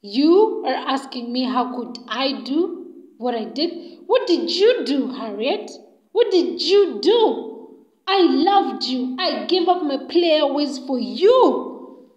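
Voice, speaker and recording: A woman's voice: fairly high pitch, lively intonation, takes it slowly, roomy sound, highs cut off. A woman voicing a hurt, vengeful young man who accuses his girlfriend indignantly. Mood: accusing.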